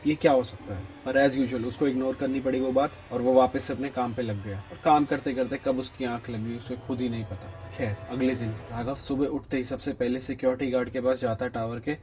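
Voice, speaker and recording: A man narrating a horror story in a suspenseful way, dropping low on tense moments. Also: fairly even intonation, brisk, few pauses, darkish tone. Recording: dull lo-fi with faint music.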